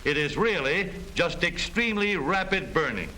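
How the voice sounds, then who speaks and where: A high-voiced American narrator explains in formal, emphatic style, like a 1930s instructional film. He is very animated at a normal speed, his tone pushed and bright. The old soundtrack is of poor quality and faintly noisy.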